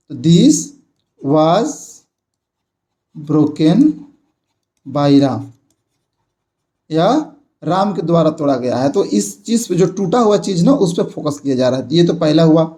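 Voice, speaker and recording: Young man, grammar teacher, high mellow voice, repeats points. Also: lively intonation, moderate pace. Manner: repeats points, checks in with "ठीक है". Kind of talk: explaining a grammar lesson.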